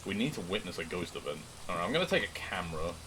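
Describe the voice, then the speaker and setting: A man doing live horror game commentary, chatting casually to viewers in an animated, excitable way with jokey asides. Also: low voice, rapid-fire, background noise. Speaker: game streamer.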